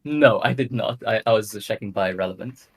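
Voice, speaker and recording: Caller: young man from Egypt, lowish voice, earnest, explanatory, rushes in bursts. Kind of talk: casual call-in discussion.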